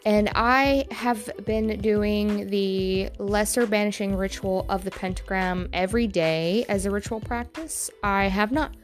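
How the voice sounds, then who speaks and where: A woman hosting a solo podcast, talking frankly with many pauses and ums, often swearing. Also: mid-range voice. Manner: hesitant and halting. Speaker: podcast host. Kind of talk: casual solo podcast monologue.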